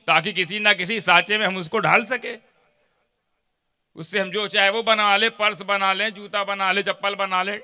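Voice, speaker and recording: A man giving a sermon, telling a parable and answering his own rhetorical questions, swinging between loud and soft. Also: high voice, smooth. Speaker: Islamic preacher. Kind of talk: sermon storytelling.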